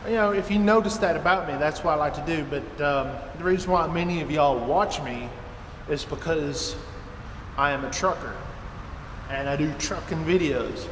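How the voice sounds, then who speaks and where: His voice fairly high and a bit bright, an American man in his thirties, a trucker and video blogger, chats folksily and ramblingly to camera. The setting is an empty truck trailer with its door open, producing a metallic echo and clear background noise.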